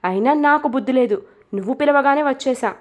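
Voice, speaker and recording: A woman's voice: high-pitched, fast, close to an everyday voice. Woman voicing a pouting sulky young wife. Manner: sulky, whiny.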